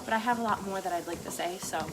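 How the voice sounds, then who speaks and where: In this solo treadmill vlog, a woman with a mid-range voice talks very fast in a loose, rambling way. Light laughs slip in between her phrases, and there's background noise.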